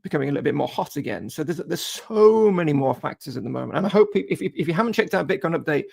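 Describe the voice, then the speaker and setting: A man in his forties co-hosting a casual market discussion, thinking out loud, repeating words and checking in with "right?". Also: fairly high pitch, animated, fast talker, gravelly, breathy edge. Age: 40s. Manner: musing, repeats words, tags lines with "right?". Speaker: trading co-host.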